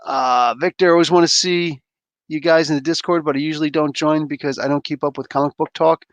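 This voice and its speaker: Here the New Jersey host, a man in his thirties, sounds fairly high-pitched and steady, talking a little fast on a dry recording. On his casual livestream he opens toys and reads chat, rambling, slangy, relaxed and quick to laugh.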